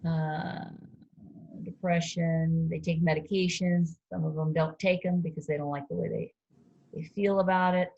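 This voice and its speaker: A woman's voice: low-pitched, moderate pace, gravelly, lo-fi sound. Woman teaching a ski patrol class. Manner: relaxed, conversational teaching with fillers and quizzing questions. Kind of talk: classroom lecture.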